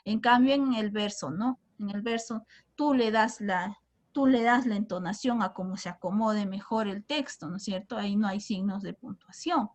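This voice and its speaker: A woman's voice: mid-range voice, moderate pace. A young woman teacher, explaining to her class and asking them questions often. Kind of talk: classroom lesson.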